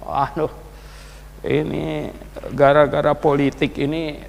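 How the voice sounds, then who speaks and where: Older man, pastor, chatty sermon, lively high-ish voice, reverberant hall. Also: slow pace, creaky. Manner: conversational, animated preaching with colloquial asides and chuckles. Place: church prayer meeting hall.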